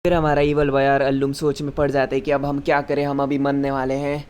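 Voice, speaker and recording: A man's voice: mid-range voice, monotone, quick pace, a little mellow, clear, resonant tone. A man narrating a story recap in a casual, chatty, conversational way.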